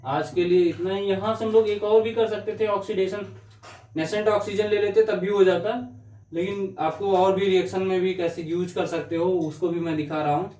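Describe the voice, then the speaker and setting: This man's voice is high-pitched, steady, and a little mellow, at normal speed. Heard from a distance in an echoey room, he gives an organic chemistry class lecture, working step by step through reactions and questioning himself as he goes.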